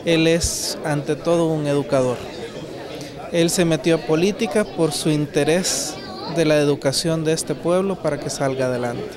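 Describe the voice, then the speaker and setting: A man's voice: on the high side, normal speed, crowd noise. A man in his thirties speaking earnestly in an interview, building his points through repeated emphasis. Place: indoor hall. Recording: crowded indoor event.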